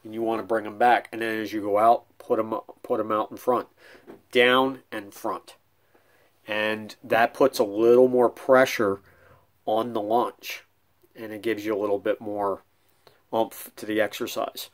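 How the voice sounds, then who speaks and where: A man's voice: on the low side, little pitch movement, measured pace. A middle-aged man giving casual bowling fitness tips in a small room at home, talking with frequent ums and restarts. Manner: conversational, many restarts and ums, demonstrating with hands. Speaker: bowling coach. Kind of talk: casual instructional vlog.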